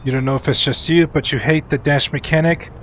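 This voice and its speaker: In his forties, this man live-streams a game while chatting casually, his fairly high voice moving a little fast over slight background noise. He rambles in an animated way and often restarts his sentences.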